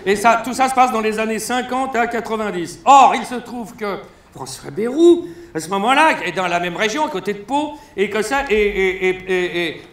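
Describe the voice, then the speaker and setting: A male stand-up comedian on a concert hall stage, telling crude, mocking stories in an animated way. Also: sits high, moderate pace. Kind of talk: satirical stand-up press review. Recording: roomy live hall sound.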